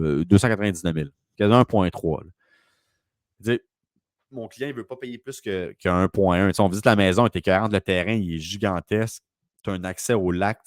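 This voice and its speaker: Man, Quebec French accent, very deep voice, dry sound, rambling anecdotal talk. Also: no room sound. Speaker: real estate broker. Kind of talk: casual conversation.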